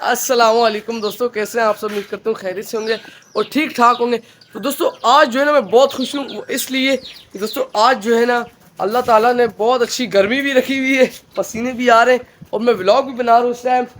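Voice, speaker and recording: Outdoors among his chickens, a man films a casual phone vlog about his pet hens, chatting to viewers he keeps calling friends and getting excitable around the hen. His voice is very high and fairly quick, with slight background noise.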